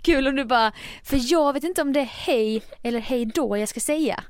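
A woman's voice: high voice, clear, resonant tone, no room sound, studio quality. A woman co-hosting a podcast in casual chat, teasing her co-host and laughing often.

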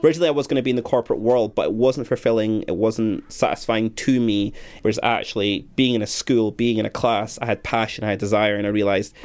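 A man's voice: on the low side, steady tone, quick pace, hardly any pauses, darkish tone. A young man who teaches primary school, talking earnestly and thoughtfully about his work in an interview. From Scotland. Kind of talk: reflective interview talk.

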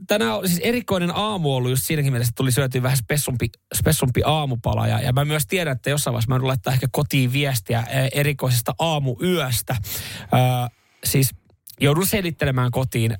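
A man's voice: mid-range voice, gravelly, no echo. A man in his thirties co-hosting a morning radio show in a studio, rambling through stories with easy laughs. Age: 30s. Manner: chatty, rambling storyteller with laughs. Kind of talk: casual radio chat. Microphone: studio microphone.

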